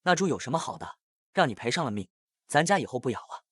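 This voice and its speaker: A man's voice: medium pitch, very animated, fast talker, fairly bright tone, slightly rough, no room sound, studio quality. A man voicing a worn-out, grieving old village grandmother who talks in a pleading, bitter way in a horror story.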